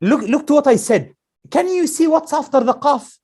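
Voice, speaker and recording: A man's voice: very high-pitched, lively intonation, darkish tone. Man teaching letter sounds to a class. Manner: drills letter sounds slowly, asks the class questions. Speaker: Quran teacher.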